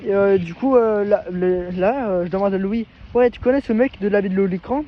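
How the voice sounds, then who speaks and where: A man casually telling a personal story to camera, halting and restarting often. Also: sits high. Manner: hesitant, halting, many restarts. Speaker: vlogger. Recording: dull lo-fi recording.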